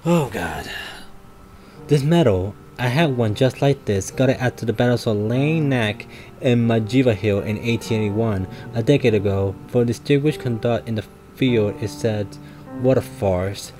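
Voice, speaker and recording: A man's voice: medium pitch, unhurried, warm tone, soft background music, natural voice. A man voicing a guilt-ridden former army soldier, reading his game lines aloud in a plain, somber, confessional way.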